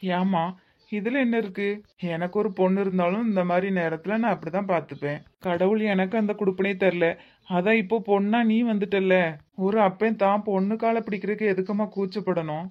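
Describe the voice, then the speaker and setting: A woman voicing a kindly widowed father-in-law who speaks gently and coaxingly, in a Tirunelveli Tamil accent. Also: mid-range voice, fairly quick, close to an everyday voice. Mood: gentle, coaxing. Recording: slightly muffled lo-fi audio.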